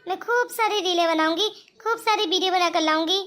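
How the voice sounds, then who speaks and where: A woman voicing a gentle young daughter-in-law from a village in a cartoon, talking in an earnest, pleading way. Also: very high voice, a little fast. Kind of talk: cartoon voice acting.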